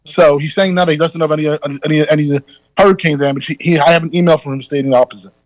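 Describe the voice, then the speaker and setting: Insistent man with a higher-pitched voice. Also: steady tone, quick pace, dry recording, rough recording. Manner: insistent, repeats key points. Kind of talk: spoken argument at a hearing.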